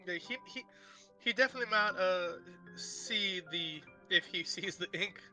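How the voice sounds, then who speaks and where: A man playing a tabletop game, bantering casually and haltingly, often repeating his words. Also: high voice, pushed and bright, faint music behind. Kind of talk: casual role-play banter.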